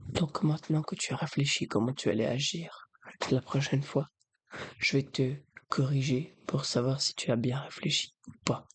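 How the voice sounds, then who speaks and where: A man with a breathy voice, speaking softly in an ASMR style as he advises the listener. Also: medium pitch. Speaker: ASMR video creator. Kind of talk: soft-spoken ASMR, advising the listener directly.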